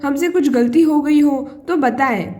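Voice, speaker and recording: A woman voicing a young daughter-in-law who asks soft, pleading questions. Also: high voice, a little slow. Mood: pleading, gentle.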